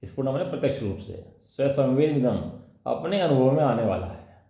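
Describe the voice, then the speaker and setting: Swinging widely in pitch from a medium base, a man with a dark-toned voice speaks at normal speed through a colloquial religious lesson. He unpacks scripture with rhetorical questions, tag words and repeated phrases, his words ringing in a reverberant, echoey room.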